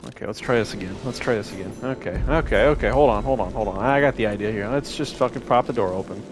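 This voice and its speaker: A man's voice: lowish voice, fast, music in the background. Cursing young man playing a horror game. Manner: profane, excitable, talks to the game. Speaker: gaming channel host.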